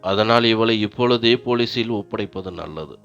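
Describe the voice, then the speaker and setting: A stern older mother, firm and insistent, read by a man with a very deep voice. The audio is dull, with soft music behind it. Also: moderate pace. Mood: accusing. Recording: dull lo-fi narration with faint music.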